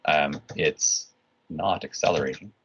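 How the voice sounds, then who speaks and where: A man's voice: very deep voice, a little slow, a bit bright, husky. A man teaching an online physics lesson in a casual, rambling way, full of restarts and "right?" checks. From Canada. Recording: dull lo-fi recording.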